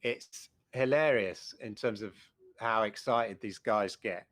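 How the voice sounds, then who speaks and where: A man's voice: fairly low pitch, slow, fairly bright tone, no room sound, clean studio sound. A middle-aged man co-hosting a retro gaming show, chatting with enthusiasm and rambling through restarts. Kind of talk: casual chat.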